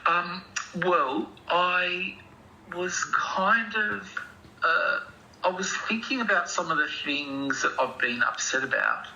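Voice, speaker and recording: A man playing an anxious, softly spoken therapy patient who talks hesitantly and meanders. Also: high-pitched, slow pace, gravelly, highs cut off, slight background noise, full character voice. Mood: earnest. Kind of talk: improvised comedy dialogue.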